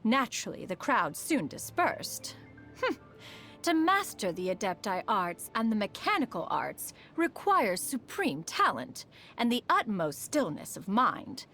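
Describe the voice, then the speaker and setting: In a scripted video game monologue, a woman plays a proud, refined female immortal, speaking in a formal, stately manner that is aloof yet fond underneath, with a haughty, bemused mood. Her medium-pitched voice is a bit bright, swings widely in pitch, and keeps a measured pace. Soft music plays in the background.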